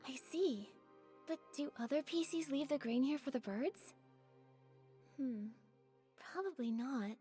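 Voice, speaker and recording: A woman voicing an earnest, thoughtful young detective heroine in gentle, measured scripted game dialogue. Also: sits high, animated. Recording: game music behind.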